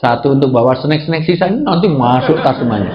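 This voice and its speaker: A man, often jumping to high exclamations. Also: lively intonation, fast, background noise. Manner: joking, swings to high exclamations. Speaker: Islamic preacher. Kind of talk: humorous sermon to a live audience. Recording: slightly dull lo-fi sound with faint ambience.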